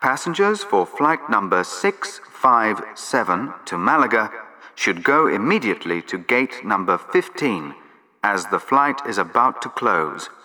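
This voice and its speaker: A man reading scripted airport announcements in a formal, measured public-address manner for a listening exercise. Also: lowish voice, big pitch swings, sharp tone, in a large hall, rough recording.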